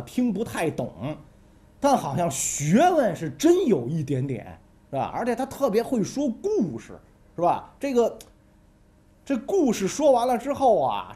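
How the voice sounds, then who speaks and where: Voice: mid-range voice, dark tone. A storyteller voicing a folksy, pragmatic male ancient ruler who muses in colloquial speech. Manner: colloquial, musing, rhetorical "right?".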